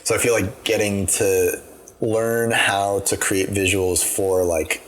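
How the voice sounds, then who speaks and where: Super low voiced lady host, laid back chatty talk, lots of likes and you knows. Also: takes it slowly, rough recording. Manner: relaxed, chatty, full of "like" and "you know". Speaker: podcast host. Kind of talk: casual conversational interview.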